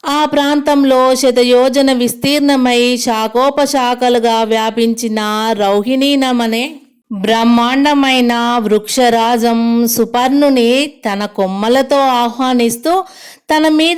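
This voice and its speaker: A woman's voice: a little high, fairly even intonation, slow, clear, resonant tone. A woman storyteller reading a simplified retelling of an ancient epic aloud, keeping the quoted lines close to her own voice.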